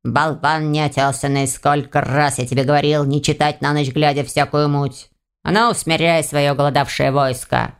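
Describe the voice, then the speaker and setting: A woman's voice: sits low, fairly even intonation, normal speed, clear, resonant tone, voice pushed down. A woman voicing a stern, scolding older male gnome leader. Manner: barking, scolding.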